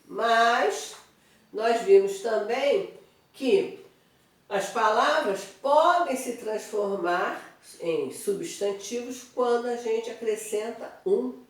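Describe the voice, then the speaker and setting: In an online review lesson on Portuguese grammar, a woman with a slightly high, animated voice speaks slowly, going step by step and checking in with her students. The sound comes from a distance in a very echoey room.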